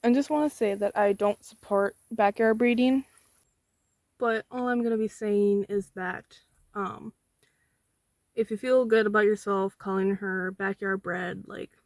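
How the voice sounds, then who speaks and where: A woman's voice: mid-range voice, steady tone, a little slow, no echo. Indignant young woman, dry close sound. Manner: indignant, argumentative, counts off points. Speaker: vlogger with a service dog. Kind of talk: casual commentary replying to online comments.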